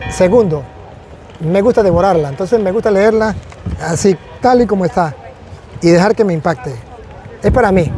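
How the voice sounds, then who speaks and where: Earnest high-voiced man. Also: warm tone. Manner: earnest, reflective, repeats phrases for emphasis. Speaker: priest. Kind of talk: conversational testimony.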